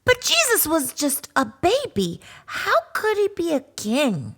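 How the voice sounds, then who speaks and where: A woman voicing a curious little girl bear cub, high, eager and full of wonder. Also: huge pitch swings, a little slow, fairly bright tone, exaggerated voice. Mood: puzzled.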